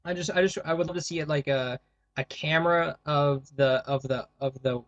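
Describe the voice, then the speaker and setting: A man's voice: on the high side, fairly even intonation, no room sound, muffled recording. A man co-hosting a podcast in casual chat, often stopping and restarting his sentences. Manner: halting, many restarts. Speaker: podcast co-host.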